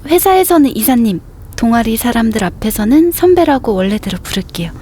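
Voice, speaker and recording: A woman's voice: a little high, expressive, fairly quick, dark tone, a little hiss or hum, natural voice. An actress playing a shy, easily flustered, earnest young woman in a romance audio drama, timid and polite in her speech. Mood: shy, hesitant. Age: young adult. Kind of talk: romance audio drama acting with inner monologue.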